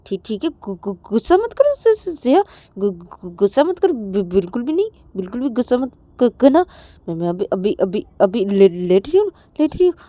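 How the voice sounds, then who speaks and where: A flustered young woman stammers and keeps repeating syllables, in a woman's put-on voice. Her tone is mellow and a little high, and the recording is dry. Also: sing-song, moderate pace, dry recording.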